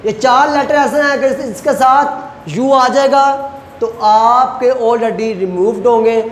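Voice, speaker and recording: A male teacher gives a recorded classroom lecture, going over each point slowly and repeating sounds for his students. The room is echoey and the reverb lingers. A faint hum sits behind his voice. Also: very high-pitched. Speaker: language teacher.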